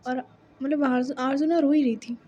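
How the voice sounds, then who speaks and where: A woman's voice: high-pitched, fairly even intonation, a little fast, mellow, highs cut off, slight background noise. A young woman telling a love story in a chatty, casual way, mixing Hindi and English with many asides. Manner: chatty, full of fillers and asides.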